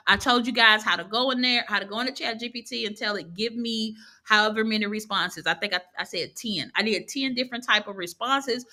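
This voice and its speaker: Female online instructor with a bright, clear tone. Talks like a casual live class: chatty, quick to laugh, corrects herself as she goes. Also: on the high side. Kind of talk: casual live teaching over screen share.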